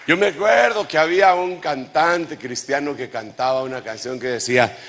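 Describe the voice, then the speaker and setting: A man preaching a sermon as an apostle to pastors, lively and joking with the congregation, then praying fervently. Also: medium pitch, normal speed, some chatter behind, a little hiss or hum. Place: large church hall. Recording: long church-hall reverb with faint music.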